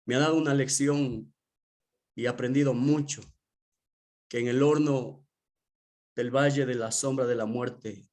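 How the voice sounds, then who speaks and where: A male pastor giving an emotional testimony in a sermon, speaking slowly and earnestly to the congregation. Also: medium pitch, fairly even intonation, darkish tone. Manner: slow, earnest, emotional preaching.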